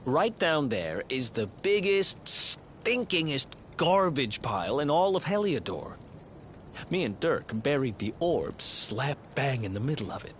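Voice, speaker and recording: A swaggering young thief, bragging about his loot in a lively, sing-song voice that leaps up and down. He sounds pleased with his own cleverness. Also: mid-range voice, measured pace, slight background noise. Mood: boastful. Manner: boastful, conspiratorial storytelling. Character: cocky young male thief, boastful schemer. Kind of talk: video game voice acting.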